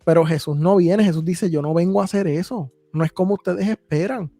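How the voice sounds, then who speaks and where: Male podcast host, high and gravelly, reads verses and asks rhetorical questions, dry mic. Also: fairly quick, mellow, no room sound, soft background music. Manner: reads scripture aloud, explains with rhetorical questions. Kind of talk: casual Bible discussion.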